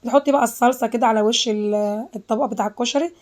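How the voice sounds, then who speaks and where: Egyptian woman, home cooking host, rapid chatty delivery, slightly high voice. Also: a little mellow. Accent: Egyptian Arabic. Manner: chatty, repeats herself, addresses viewers directly. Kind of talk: casual cooking tutorial.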